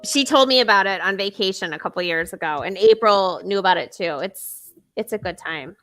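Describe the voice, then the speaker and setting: A woman's voice: medium pitch, expressive, brisk, a bit bright, faint music behind. A woman co-hosting a casual podcast, chatting with many fillers and restarts. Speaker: podcast co-host. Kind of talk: casual chat.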